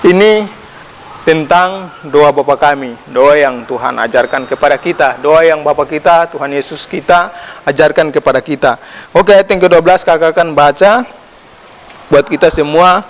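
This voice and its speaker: A man's voice: a little high, moderate pace. A young man leading a children's Sunday school sermon, speaking to the kids as their big brother, asking them questions and reading verses aloud. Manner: addresses children as their older brother, asks questions, lively rises. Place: church hall. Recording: long echo of a church hall.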